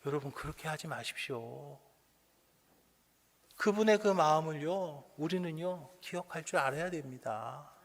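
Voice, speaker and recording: A man's voice: on the high side, lively intonation, a little slow, long reverb tail. A man preaching a Sunday sermon as pastor in a church, emphatic, asking the congregation questions and mimicking doubters. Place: church sanctuary.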